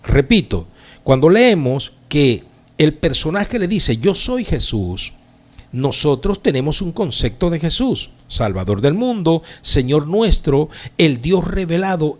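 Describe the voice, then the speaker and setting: A man preaching a sermon as pastor, slow and emphatic with dramatic pauses. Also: fairly high pitch.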